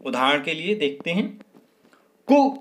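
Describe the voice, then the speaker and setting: Male teacher for a children's reading lesson, slightly higher voice, unhurried. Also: very animated, fairly bright tone. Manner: slow, clearly sounds out each syllable, then raises pitch and volume for the answer.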